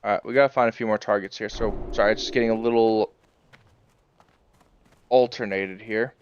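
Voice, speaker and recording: A man's voice: lowish voice, fairly even intonation, fairly quick, muffled recording, slight background noise. A man streaming a game, chatting casually and rambling with lots of fillers and chuckles. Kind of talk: casual live-stream chat while playing.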